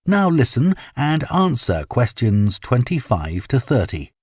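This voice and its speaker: A man's voice: medium pitch, big pitch swings, measured pace, darkish tone, slightly rough, no echo. A man announcing listening-test instructions in a formal, evenly paced way. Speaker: exam announcer. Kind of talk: scripted exam instructions. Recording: dry studio recording.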